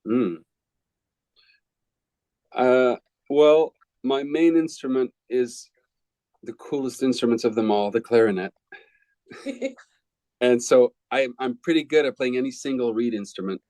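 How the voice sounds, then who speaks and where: A man in his forties from Belgium, a film composer answering interview questions in a relaxed, rambling way with frequent restarts. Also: medium pitch, measured pace, long pauses, no echo, poor audio.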